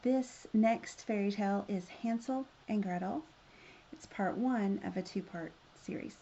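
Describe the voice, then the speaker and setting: A woman's voice: mid-range voice, measured pace, mellow, highs cut off, a little hiss or hum. A woman reading a children's story aloud as a storyteller, in the manner of a fairy tale opening.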